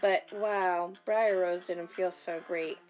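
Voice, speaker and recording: A woman narrating a children's story in a playful, animated way. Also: fairly low pitch, slow, faint music behind. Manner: animated, playful character voices.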